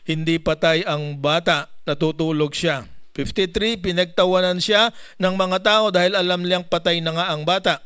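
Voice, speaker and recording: A man's voice: fairly high pitch, pushed and bright, smooth. A male pastor with a Filipino accent preaching a sermon, joking and often asking the congregation questions. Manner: jokey, asks the congregation questions, mixes English into his talk.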